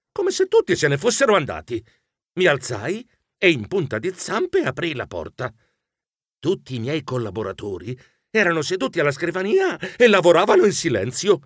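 A man narrating a children's story in the first person, animated and expressive, with grumbly asides. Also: fairly high pitch, no room sound, clean studio sound. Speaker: audiobook narrator.

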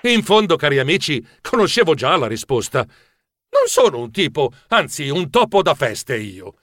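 A man narrating a children's story with playful theatricality. His voice sits a bit high and moves expressively, recorded close and dry. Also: huge pitch swings, moderate pace, a bit bright, no room sound. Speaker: audiobook narrator.

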